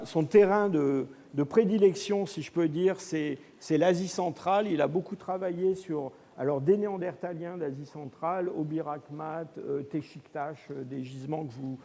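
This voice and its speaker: Hesitant man with a slightly creaky, mellow voice. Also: on the high side. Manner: hesitant, pausing often. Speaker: host introducing a guest lecturer. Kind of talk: informal spoken introduction. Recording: reverberant lecture hall.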